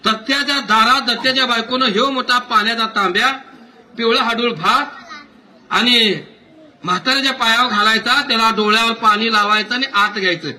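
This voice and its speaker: Guy telling a funny folk story live, lively, talks to the crowd, very high bright voice. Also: fairly quick, distant mic. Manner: lively, addresses listeners directly.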